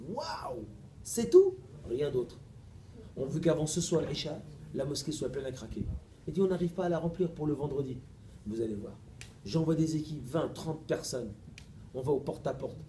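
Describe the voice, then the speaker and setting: A middle-aged man preaching at a mosque recounts a story at a moderate pace, acting out each exchange with animated, playful energy and frequent laughter. His warm, mellow voice sits a little high, and the hall's echo brings along a faint ambient hum.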